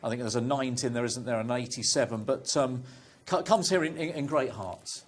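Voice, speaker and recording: A man anchors live horse racing coverage from a studio. His voice sits at an ordinary middle pitch. He keeps things relaxed, trading easy banter with his co-host between updates. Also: brisk, slight background noise. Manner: relaxed, joking banter with co-presenter.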